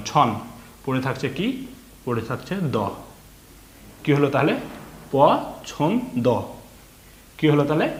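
A man of middle pitch teaches a children's reading lesson, patiently breaking each word into its letters and repeating them. His voice rings a little in an echoey room.

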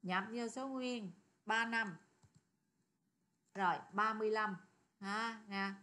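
A woman's voice: mid-range voice, slow pace, bright, forceful tone. A woman teaching a programming lesson, chatty and often asking her students questions. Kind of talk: screen-recorded coding lesson.

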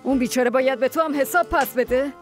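A woman's voice: sits high, soft background music, natural voice. A woman dubbing a bossy older village mother-in-law who scolds and gives orders. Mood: stern. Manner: scolding, commanding. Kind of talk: Persian dub of a TV drama.

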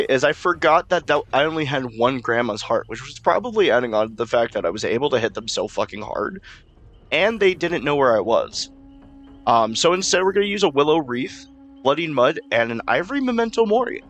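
A man's voice: medium pitch, a bit bright. A young man casually commenting on his own gameplay, swearing and talking to himself as he plays. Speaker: gaming YouTuber.

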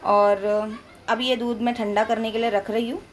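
A young woman from India talks loudly and chattily to her viewers, her voice sitting a touch high. She gives the casual voice-over for a home family vlog. Faint background noise sits under her voice. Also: level tone, moderate pace. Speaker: family vlogger. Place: at home, indoors.

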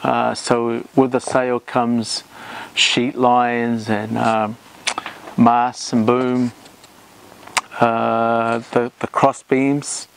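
A middle-aged man speaks slowly and steadily, pausing often with ums and uhs as he explains each step of a canoe build. He stands in a timber boat shed, filmed from a medium distance, with a faint low hum of ambience behind him. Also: flat delivery, gravelly. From Samoa or Tokelau. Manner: slow, measured, with many ums and uhs. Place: timber boat shed with plastic-lined walls.

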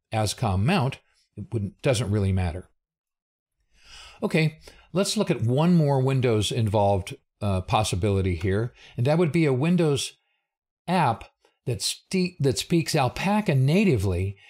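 An older man presents a technical briefing in an explanatory, plain-spoken way, with informal asides. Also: mid-range voice. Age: older, 60s or above. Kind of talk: explanatory slide presentation narration.

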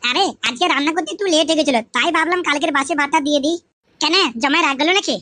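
A woman's voice: sits high, very fast, sharp tone. A woman voicing a flirtatious, scheming mother-in-law of about thirty in an adult cartoon, sweet-talking and coaxing.

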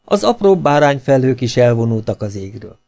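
A man narrating an audiobook with a measured, expressive reading. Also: medium pitch, gravelly.

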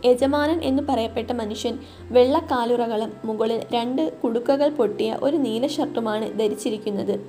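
A woman reading a literary short story aloud in steady, measured narration. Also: a little high. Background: soft background music.

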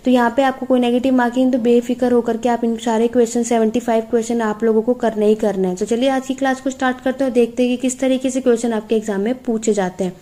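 A young woman teaching an exam-prep lesson. She explains patiently, checks in often with her students, and reads English passages slowly before explaining them. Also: fairly high pitch, fairly even intonation, mellow.

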